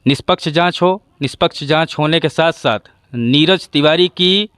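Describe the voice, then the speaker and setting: A man's voice: a little high, moderate pace, fairly bright tone, clear, resonant tone. A man reporting from a village, politely interviewing locals and closing with a formal appeal.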